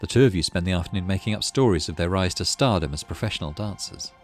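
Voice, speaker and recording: Faint music plays behind a low-pitched man who talks fast. As a gaming channel host, he narrates the game's story text and throws in offhand commentary.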